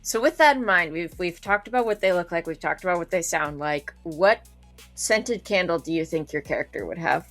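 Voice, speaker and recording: A woman's voice: on the low side, animated, a bit bright, soft background music. A young woman who plays on the show, chatting casually and teasing the others. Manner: teasing, quick laughs. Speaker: player on the show. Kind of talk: casual behind-the-scenes chat.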